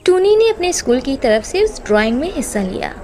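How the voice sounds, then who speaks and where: Brief: woman narrating a children's cartoon, lively, slightly high, faint music. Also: brisk.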